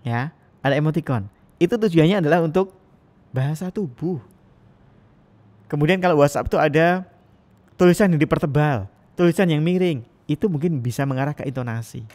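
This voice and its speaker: A man's voice: on the high side, a little fast, long pauses. A man giving a recorded lecture as a university lecturer. He speaks with energy and lets his intonation rise and fall. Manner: energetic, rising and falling intonation.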